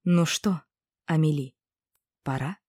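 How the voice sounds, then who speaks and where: Smug witch in red, commanding and coldly soothing, mellow low voice, read by a woman narrator. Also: slow pace, no room sound, studio quality. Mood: falsely gentle.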